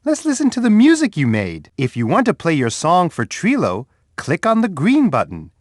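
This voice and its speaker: A man voicing a big, gentle, cheerful male bear in a children's game, talking warmly and encouragingly to a young player. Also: sits high, wildly swooping pitch, normal speed, no room sound, studio quality, full character voice. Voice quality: warm, soft, sing-song delivery with chuckles. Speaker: voice actor for a children's game character. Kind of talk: scripted game voice clips. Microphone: dry studio booth.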